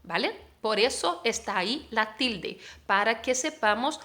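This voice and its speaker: A woman's voice: a little high, expressive, unhurried, pushed and bright. Patient Spanish-woman teaching a lesson. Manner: patient, explanatory, checks understanding with frequent questions. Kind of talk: online language lesson.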